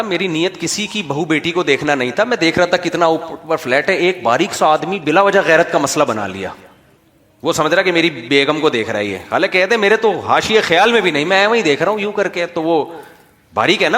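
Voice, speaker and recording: A man's voice: a little high, fairly bright tone. A man, preaching and telling funny stories to an audience in a hall, chatty and speaking straight to his listeners. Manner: chatty, jokey, addresses listeners directly. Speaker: Islamic preacher. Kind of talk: humorous sermon storytelling. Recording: long hall reverb.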